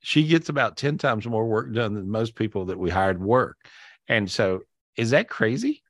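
A man's voice: lowish voice, very animated, a bit bright, dry recording, clean studio sound. A man hosting a live spiritual talk over a video call. He speaks casually and enthusiastically, repeats himself, and often restarts his sentences. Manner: chatty and repetitive, many restarts with "and so"; enthusiastic, drawn-out emphatic words. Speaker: spiritual teacher and podcast host.

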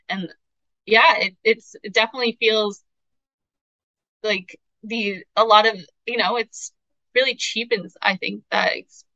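A woman's voice: medium pitch, sharp tone, dry recording. A young adult woman co-hosting a casual podcast, talking in an emotional, rambling way with many filler words. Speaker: podcast co-host. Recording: slightly dull lo-fi sound, dry.

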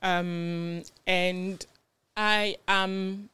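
A woman in her thirties from Ghana, hosting and opening her own podcast in a bubbly, excited way. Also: on the low side, extremely slow, clean tone. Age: 30s. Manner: bubbly and excited, with laughs and fillers. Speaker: podcast host. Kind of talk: casual solo podcast intro.

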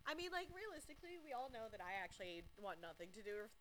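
A woman's voice: on the high side, very animated, fast talker, a bit bright. A young woman with a Southern US accent, co-hosting a podcast in casual chat and laughing a lot. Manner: chatty, playful, laughs a lot. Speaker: podcast co-host. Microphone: shared podcast mic.

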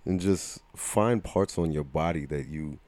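A man co-hosting a casual podcast in a very deep, low voice. His humor is crude and teasing, and he trades quips easily with his co-host. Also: a little slow, darkish tone, dry recording.

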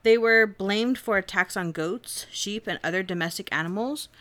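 A woman's voice: mid-range voice, moderate pace, a bit bright. A woman co-hosting a casual podcast, chatting and laughing as she reads her notes aloud. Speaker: podcast co-host. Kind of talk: casual chat.

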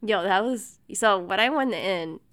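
A woman's voice: medium pitch, measured pace. Laid-back young woman chatting. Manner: laughing, relaxed. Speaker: co-host. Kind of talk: casual storytelling chat.

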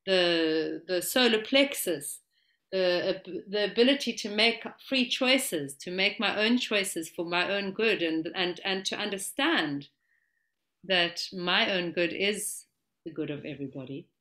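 A woman speaks as a guest in a spiritual conversation, her phrases flowing and searching as she circles an idea. Her voice is fairly low, with a bright, crisp edge. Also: expressive, unhurried.

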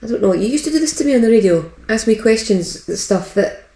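A woman's voice: on the high side, animated, fairly quick, warm tone. A woman co-hosting a podcast with dry, teasing banter, picked up by a laptop's built-in microphone. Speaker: podcast co-host. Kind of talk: casual banter. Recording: echoey room through laptop microphone.

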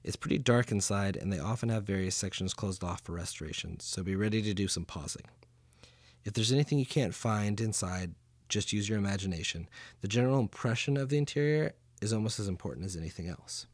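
A man's voice: lowish voice, brisk, no room sound. A man narrating a scripted audio tour as guide, chatty and jokey.

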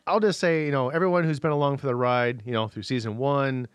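A man's voice: medium pitch, fairly even intonation, fast, smooth, no room sound, clean studio sound. A man from the US Pacific Northwest co-hosting a podcast in easygoing, rambling casual chat. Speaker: podcast co-host.

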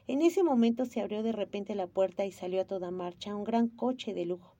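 Woman reading a storybook, mellow voice. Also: mid-range voice, a little fast, muffled recording. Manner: lively, varied character voices. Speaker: narrator.

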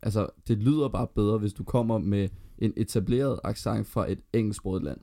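A man with a Danish accent co-hosting a relaxed podcast, his voice low-pitched and mellow. He argues his side and spins out long everyday anecdotes in easy, conversational talk. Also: vocal fry. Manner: argumentative, tells long anecdotes. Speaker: podcast co-host. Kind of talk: casual chat.

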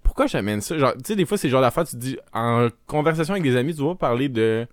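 A man's voice: medium pitch, lively intonation, fast, no room sound, clean studio sound. A man with a Québécois French accent, co-hosting a podcast in casual chat, rambling and hesitant. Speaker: podcast co-host.

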